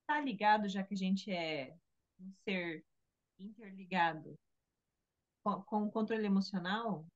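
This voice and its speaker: A woman's voice: mid-range voice, a little slow. A woman asking a hesitant question on a video call, repeating small words and trailing off as she searches for them. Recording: dull lo-fi video-call audio.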